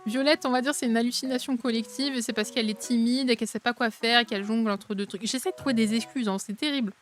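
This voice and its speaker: A woman casually commenting on a game stream and reading the game's dialogue aloud, expressive and chatty, with a habit of mocking characters. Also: fast talker. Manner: chatty and expressive, mocking other characters in exaggerated high tones. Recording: faint game music underneath.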